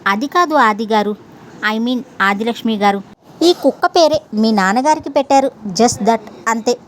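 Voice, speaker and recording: A woman's voice: a little high, animated, moderate pace, slight background noise, close to an everyday voice. A woman voicing a mischievous grown man who mocks his neighbor in a sly, playful way. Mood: teasing. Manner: sly, mocking.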